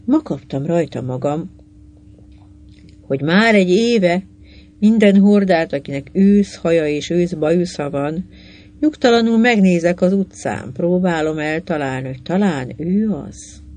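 A narrator reading a literary short story aloud in a measured, unhurried way. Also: medium pitch, expressive, a little mellow.

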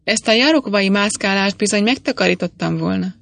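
A woman's voice: mid-range voice, creaky, fairly bright tone, no echo. Woman doing a jovial young miner. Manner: hearty, jovial. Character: cheerful young male miner, hearty singer.

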